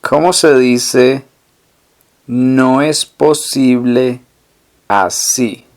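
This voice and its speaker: Slow, measured male language teacher. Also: medium pitch, steady tone, darkish tone. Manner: poses a phrase, pauses, then repeats the answer twice. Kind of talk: slow, deliberate language lesson narration.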